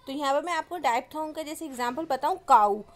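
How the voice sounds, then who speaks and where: Woman teacher, high voice, patient exam-prep explainer. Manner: explains step by step, repeats definitions, reads English lines slowly. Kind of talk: exam-prep lesson in Hindi-English mix.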